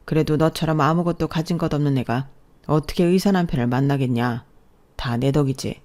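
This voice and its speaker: A woman's voice: deep voice, darkish tone, close to an everyday voice. Woman doing a stern, lecturing old father-in-law. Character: domineering older male professor, bossy father-in-law.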